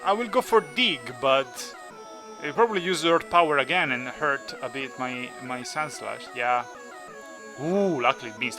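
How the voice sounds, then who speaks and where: A man's voice: mid-range voice, sharp tone, low-quality recording. A man hosting a gaming video with casual, playful commentary, teasing the characters as he plays. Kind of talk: casual Let's Play commentary.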